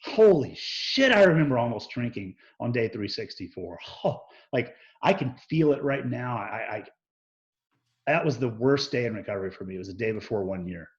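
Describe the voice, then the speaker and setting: A man's voice: medium pitch, fairly quick, lo-fi sound. A man speaking as an interview guest, telling personal stories candidly, swearing freely and acting out bits of remembered dialogue. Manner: profane, animated, acts out quoted dialogue.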